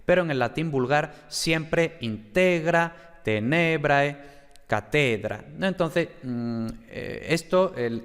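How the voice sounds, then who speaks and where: A man giving a relaxed, chatty lecture on Latin, full of fillers and little tag questions. He slows down to spell out syllables in his examples. His mid-range voice rings with a long reverb. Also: mid-range voice, creaky. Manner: sounds out syllables slowly for examples. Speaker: Latin teacher. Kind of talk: casual spoken lecture.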